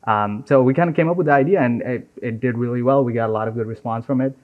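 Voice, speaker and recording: A software engineer from Nepal in his twenties chats casually as an interview guest, relaxed and easy, often dropping "right?" and "man" into his sentences. He talks fast in a mid-range voice, and the lo-fi audio sounds dull.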